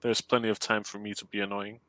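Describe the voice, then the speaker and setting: Commissioning a map, a Danish-accented client chats casually on a call, giggling, hesitating and frequently starting his sentences over. He talks fast in a lowish, level, slightly bright voice, with no echo.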